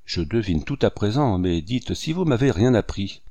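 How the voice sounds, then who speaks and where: A man's voice: fairly low pitch, big pitch swings, warm tone, breathy edge, no echo, full character voice. A man reading as an indignant Englishwoman, Madame Simon. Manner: scolding, rapid reproachful questions. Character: haughty indignant Englishwoman, middle-aged mother. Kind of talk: audiobook character reading.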